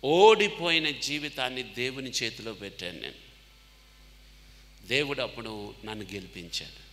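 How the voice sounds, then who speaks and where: A man's voice: mid-range voice, lively intonation, normal speed, fairly bright tone. A man preaching a sermon to students in a large hall. He asks rhetorical questions, has the crowd answer aloud, and mixes English words into his talk. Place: large hall with hundreds of listeners. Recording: long hall reverb.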